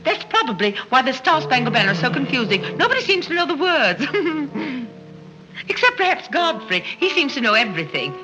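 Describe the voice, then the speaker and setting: A woman's voice: high-pitched, sing-song, moderate pace, muffled recording. A woman playing a scatterbrained, chatty middle-aged society matron with a fluttery, rambling manner, in 1930s screwball film style. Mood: chatty, giddy. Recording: old 1930s film soundtrack with music.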